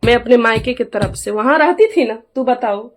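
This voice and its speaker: A middle-aged woman with a slightly high, animated voice talks at a moderate pace over soft background music. In a casual vlog she plays an aggrieved mother airing a family grievance, speaking emphatically and repeatedly asking those around her to back her up.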